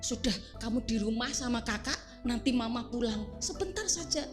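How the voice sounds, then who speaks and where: A woman's voice: on the high side, expressive, moderate pace, faint music behind, natural voice. A woman voicing a poor widowed mother who frets and pleads in a children's story. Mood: worried. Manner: pleading, fretful.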